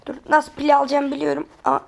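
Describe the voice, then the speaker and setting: High-pitched excitable woman gamer. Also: racing, gravelly. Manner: excitable, pleading and exclaiming often. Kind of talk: let's-play commentary.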